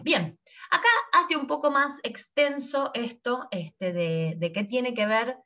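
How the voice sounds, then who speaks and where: A woman's voice: fairly high pitch, takes it slowly, sharp tone, dull audio. A woman, teaching a lesson and explaining slides, who acts out her examples with a changing tone.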